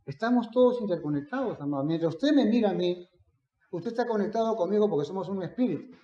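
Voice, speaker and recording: A man preaching a sermon, swinging between loud emphatic declarations and quiet storytelling. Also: sits high, animated, fast talker. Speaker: pastor. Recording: echoey room, dull lo-fi sound.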